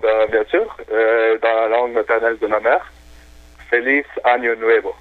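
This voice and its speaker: On a tinny, dry phone line with no room sound, a radio caller whose native language is Arabic chats in French, eager yet halting and filler-heavy. He speaks at a medium pitch, flat and at a moderate pace.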